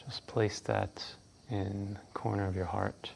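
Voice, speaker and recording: A man leading a guided breathwork meditation as instructor, speaking in a calm, hushed, unhurried way with long pauses. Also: fairly low pitch, vocal fry, a little hiss or hum.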